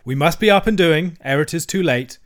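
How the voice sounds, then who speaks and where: A man's voice: on the high side, animated, brisk, pitched above the performer's own voice, lightly acted. A man voicing a solemn, commanding old male badger in a storybook reading, grave and firm.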